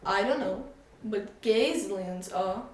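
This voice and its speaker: A woman reading a children's storybook aloud with an expressive, animated delivery. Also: mid-range voice, slow. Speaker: reader. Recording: echoey room, voice from far off.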